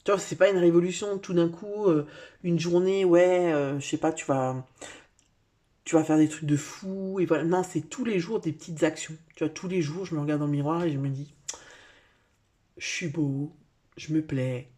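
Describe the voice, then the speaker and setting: A woman's voice: lowish voice, fairly even intonation, normal speed, warm tone. A woman giving a casual tarot reading, speaking straight to the viewer in a chatty way with many fillers. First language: French. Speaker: tarot card reader.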